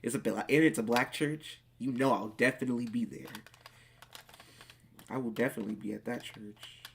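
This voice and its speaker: A speaker in their late teens chatting casually on a live stream, reading viewers' questions aloud and answering in excitable bursts. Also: mid-range voice, normal speed, gravelly, slight background noise.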